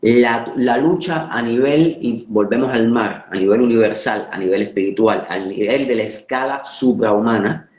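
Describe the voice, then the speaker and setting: A man's voice: mid-range voice, darkish tone. Echoey Caribbean Spanish-accented man lecturing. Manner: emphatic repetition for rhetorical effect, halting word searches. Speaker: course lecturer. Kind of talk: informal literature lecture. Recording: roomy, echoing sound.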